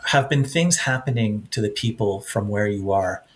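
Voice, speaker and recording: A man's voice: on the low side, normal speed. A man hosting an interview podcast, asking long questions with many restarts and fillers. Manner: hesitant, searching for words with many restarts. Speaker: podcast host.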